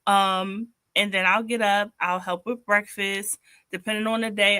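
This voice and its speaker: Bright-voiced woman in her late thirties. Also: mid-range voice, no room sound, studio quality. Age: 30s. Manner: easygoing, chatty, laughs readily. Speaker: guest. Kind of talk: casual live-stream chat.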